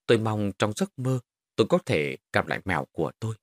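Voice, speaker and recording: Husky man telling a horror story. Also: fairly low pitch, fast talker, no room sound, studio quality. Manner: dramatic, expressive storytelling.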